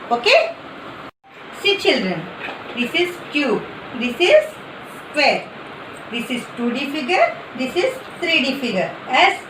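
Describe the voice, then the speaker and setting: A woman's voice: high-pitched, reverberant, background noise. A woman teaching an online class for young children, giving simple, repeated instructions in nonstandard grammar. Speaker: primary school teacher.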